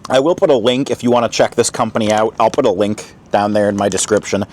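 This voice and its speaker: Fairly low-pitched and darkish in tone, this outdoor vlogger talks fast while munching through a camp meal he's reviewing at a picnic spot. It's a relaxed, chatty food vlog, with a little hiss or hum in the sound.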